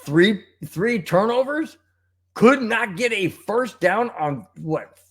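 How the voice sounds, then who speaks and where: A man's voice: high-pitched, slow, breathy edge. A man hosting a sports fan show, talking in casual commentary and firing off rhetorical questions. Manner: animated, rhetorical questions, frustrated.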